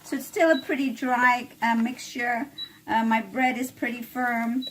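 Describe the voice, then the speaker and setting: A woman's voice: on the high side, steady tone, a little slow, fairly bright tone, a little hiss or hum. A woman hosting a home cooking video, explaining a recipe in a casual, chatty way and often checking in with "all right?". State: coughing a little from chili fumes. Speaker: cooking channel host. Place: home kitchen.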